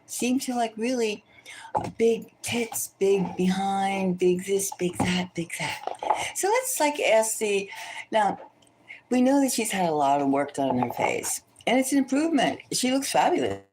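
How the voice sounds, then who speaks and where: A tarot reader hosts a celebrity psychic reading against a noisy background, her medium-pitched voice animated and unhurried. She's gossipy and opinionated, thinking out loud, wandering off topic, and saying the same phrases again.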